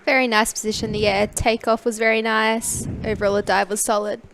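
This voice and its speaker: A woman's voice: fairly high pitch, flat delivery, a little fast, vocal fry, fairly bright tone. A woman giving live commentary as a sports commentator at a diving competition. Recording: background pool hall noise.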